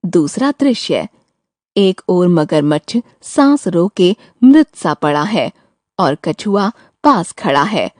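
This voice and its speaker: A woman announces the cues of a classroom play in a mellow, unhurried voice. Her pitch moves lively from cue to cue. The recording is dry and close. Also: no echo. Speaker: narrator reading stage directions. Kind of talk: scripted narration.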